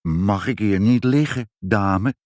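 A man voicing a tired, humble old gardener in a storybook, speaking slowly and mumbling. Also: on the low side, darkish tone, no room sound, studio quality. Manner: slow, mumbling.

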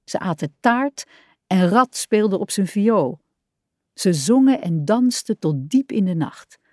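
Slow, expressive female reader for a children's audiobook. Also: mid-range voice, no echo, studio quality. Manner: warm, expressive read-aloud. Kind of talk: children's storybook narration.

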